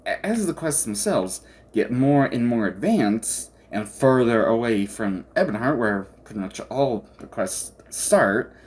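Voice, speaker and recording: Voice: mid-range voice, expressive, measured pace, hardly any pauses, darkish tone. A game commentator chatting casually and hesitantly about a game, rambling and often trailing off mid-thought.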